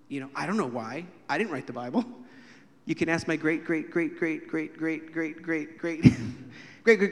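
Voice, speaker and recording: Male preacher in a sanctuary, slightly high voice, lively storytelling sermon, long church reverb. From United States. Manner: animated, acts out quoted voices and jokes with the congregation. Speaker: guest preacher. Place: church sanctuary during a live service.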